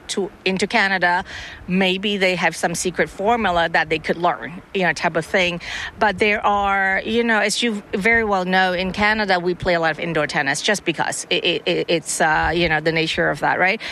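A woman's voice: lowish voice, creaky, pushed and bright, slight background noise. A middle-aged woman who grew up in Hong Kong, a tennis coach and parent, answering interview questions with many restarts and fillers.

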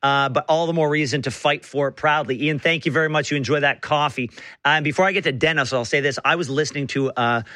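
A man hosting a radio call-in show, talking in halting bursts full of restarts. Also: on the high side, sharp tone, no echo, studio quality. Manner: halting, many restarts and fillers.

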